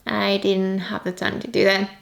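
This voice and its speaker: A woman's voice: mid-range voice, level tone, moderate pace, vocal fry. A young adult woman, chatting casually as a vlogger. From Switzerland. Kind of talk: casual vlog chat.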